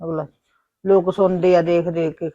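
A gentle mother-in-law, played by a woman with a Punjabi accent, who speaks in a low, calming way. The recording sounds slightly dull. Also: normal speed, lightly acted. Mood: soothing. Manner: gentle, placating. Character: calm, soothing older mother-in-law.

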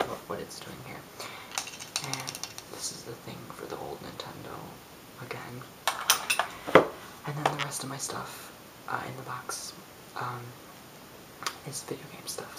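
A young man speaking in a soft, hushed voice that often drops to a whisper, hesitant and rambling in a casual ASMR show-and-tell. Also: mid-range voice, creaky. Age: young adult. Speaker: ASMR video host. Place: small room at home, indoors. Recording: roomy, slightly distant webcam sound.

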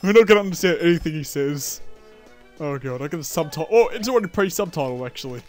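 Chatty, excitable young man. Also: a little high, fast talker, faint music behind. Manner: chatty, excitable, self-mocking, laughs often. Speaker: let's play host. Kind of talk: casual gameplay commentary.

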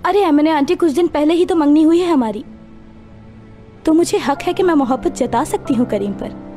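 A woman's voice: sits high, moderate pace, warm tone, soft background music, natural voice. An actress playing an earnest, insistent young fiancée in her twenties in a dubbed TV drama. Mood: affectionate. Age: 20s. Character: earnest, affectionate young fiancée, gently scolding.

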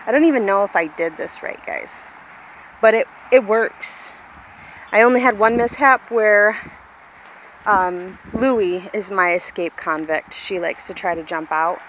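A woman's voice: measured pace, fairly bright tone, poor audio. A woman in her thirties chatting informally and self-deprecatingly to viewers, recorded on a handheld phone outdoors. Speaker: vlogger, hobby farmer. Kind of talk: casual rambling vlog chat to viewers. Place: outdoors in an open grassy yard. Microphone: handheld phone at arm's length. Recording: windy outdoor phone recording, vehicle-like rumble. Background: wind and outdoor noise.

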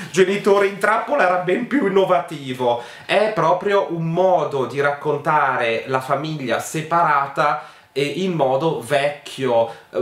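A man giving casual spoken commentary as a video essayist, hesitant and filling pauses with many ums, in a critical tone. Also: medium pitch, fairly bright tone, reverberant.

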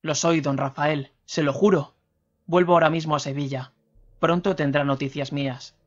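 Calm, remorseful ex-convict, read by a male narrator; measured and earnest, muffled radio audio. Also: a little high, natural voice. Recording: slightly dull radio recording, faint music.

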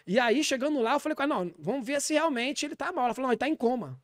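A man with a Brazilian Portuguese accent playing a shameless self-styled apostle in a deadpan comic podcast monologue, rambling with preachy asides. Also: extremely high pitch, rapid-fire, dry recording. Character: brash, shameless male pastor calling himself apostle.

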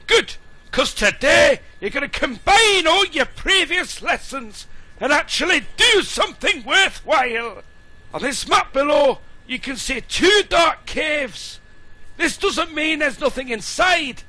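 High, shouty taskmaster dwarf. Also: male voice, heavily acted. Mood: gruff, bossy. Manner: bossy, scolding, hectoring. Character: loud, bossy, ale-loving dwarf mine taskmaster. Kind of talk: cartoonish game tutorial acting.

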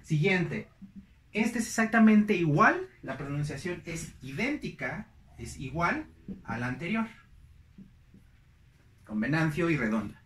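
A man's voice: fairly high pitch, sing-song, a little slow, pauses often, a bit bright, roomy sound. A young man teaching English pronunciation, repeating each word several times with stress. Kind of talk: slow, deliberate pronunciation lesson.

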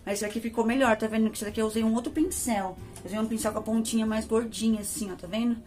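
A woman's voice: fairly high pitch, fairly even intonation, quick pace, a little mellow, faint music behind. Chatty Brazilian woman reviewing makeup. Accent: Brazilian Portuguese. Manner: chatty, affectionate, addresses viewers as "amores" and "gente". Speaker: beauty vlogger.

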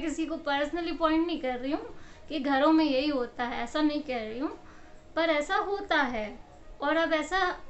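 Woman doing a motivational talk to camera, high voice, acts out the stories, slightly muffled audio. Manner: animated storytelling, acts out quotes, laughs often. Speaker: motivational speaker. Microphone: camera mic.

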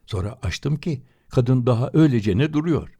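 Guy reading a story out loud, lowish voice, swings up and down a lot, dark tone. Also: expressive, moderate pace, breathy edge, no echo. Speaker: audiobook reader. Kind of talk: dramatic literary narration.

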